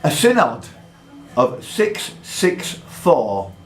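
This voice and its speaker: This pub quizmaster has a fairly high voice with huge pitch swings and speaks very slowly. Indoors in an echoey pub with music in the background, he delivers questions formally, then chats jokily in between.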